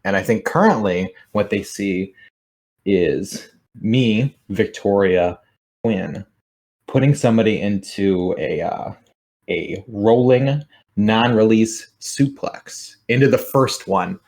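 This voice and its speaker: A man playing a tabletop game, thinking aloud as he describes his character. His voice is lowish, and he hesitates often. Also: slow, darkish tone. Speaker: player.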